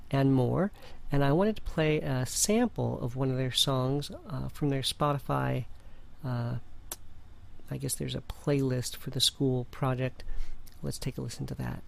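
A man hosting a podcast, talking through listings in a relaxed way with frequent fillers. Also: mid-range voice, measured pace, vocal fry, slight background noise. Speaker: podcast host. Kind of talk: casual show narration.

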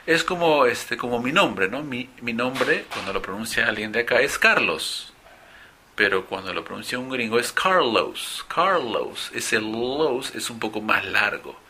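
A man teaching English pronunciation in Spanish, explaining slowly and repeating example words for listeners. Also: medium pitch, bright, forceful tone, slight background noise. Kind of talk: pronunciation lesson.

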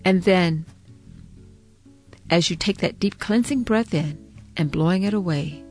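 A woman leading a guided breathing meditation in a soothing, encouraging manner, with halting phrases and repetition. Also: on the low side, faint music behind.

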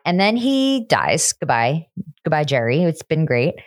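Woman podcast co-host, casual chat, dry jokes, lowish voice, expressive pitch, dry close sound. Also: measured pace, no echo.

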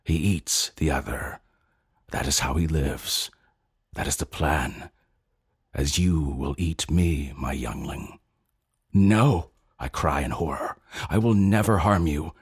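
A man's voice: extremely low pitch, slow, breathy edge, dry recording, clean studio sound. A man narrating a story in an intense, tender and brooding manner. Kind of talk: dramatic story reading.

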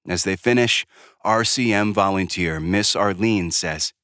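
A man reading a scripted devotional in a calm, measured, prayerful way, close to the mic. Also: deep voice, clean tone, no echo. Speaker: devotional writer and reader. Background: soft background music.

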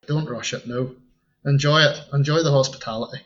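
A Northern Irish tour guide with an Ulster Scots tinge to his accent talks a little fast as a podcast guest, keeping the interview chat casual, easygoing and full of chuckles. His mid-range voice is steady and fairly bright, though the audio sounds dull.

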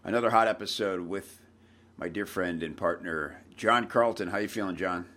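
A podcast host in his forties, with a deep, slightly bright voice at a moderate pace, opens with a scripted intro. After that the casual chat turns loose, full of fillers and restarts.

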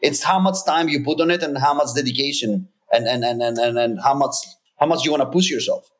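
Speaking a little fast in a medium-pitched voice, this Greek-born man in his thirties founded a company and is a guest in a casual interview. He comes across earnest and emphatic, often backing up to restart what he's saying.

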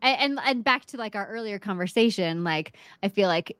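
A woman's voice: medium pitch, lively intonation, normal speed, a bit bright, dry recording. A woman in her forties hosting a podcast interview, talking in a candid, blunt and chatty way. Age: 40s. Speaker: podcast host. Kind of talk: casual interview chat.

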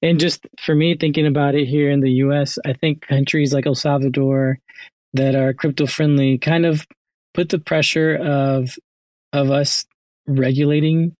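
A man's voice: on the high side, level tone, moderate pace, a little mellow, no echo. A man hosting a casual interview chat, talking in a hesitant way as he searches for his words. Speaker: host.

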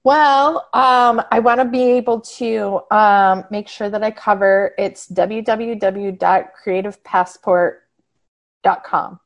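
A woman hosts a podcast interview as it wraps up, chatty and upbeat and laughing often. Her mid-range voice is slow with fairly even intonation.

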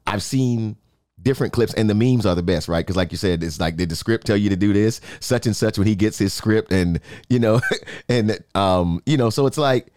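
A man's voice: fairly low pitch, normal speed, a little mellow, no echo, clean studio sound. A man co-hosting a sports talk show, speaking emphatically and often checking in with "right?". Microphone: in-ear monitor, studio.

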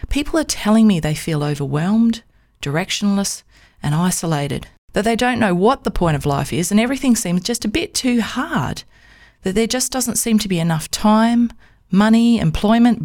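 A woman, a psychotherapist and podcast host, reading a scripted narration in a calm, measured storytelling way. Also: mid-range voice.

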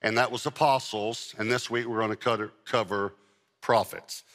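A man's voice: fairly low pitch, steady tone, moderate pace, fairly bright tone. A man preaching a sermon to a live congregation as pastor, pressing on key words and repeating them for emphasis. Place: church with a congregation. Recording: long hall reverb.

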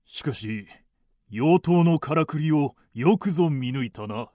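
A man voicing a dignified magistrate in a period audio drama, measured and formal. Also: on the high side, lively intonation, a little mellow, no echo, clean studio sound. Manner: measured, formal, pronouncing verdicts. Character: dignified male magistrate passing judgment.

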